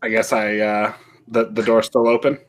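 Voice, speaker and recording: A man's voice: lowish voice, flat delivery, moderate pace. A man playing a tabletop game, talking casually and putting questions in a tentative way.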